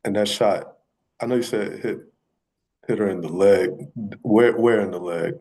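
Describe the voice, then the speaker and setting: Lawyer guy in court, lowish voice, keeps restarting his questions. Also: dark tone, rough recording. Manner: halting, self-correcting questions with many restarts. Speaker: attorney questioning a witness.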